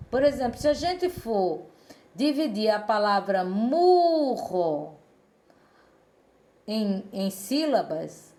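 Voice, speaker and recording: Slow, lively-voiced woman teacher. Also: a little high. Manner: slow, explanatory, rhetorical questions. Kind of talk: explaining a Portuguese lesson.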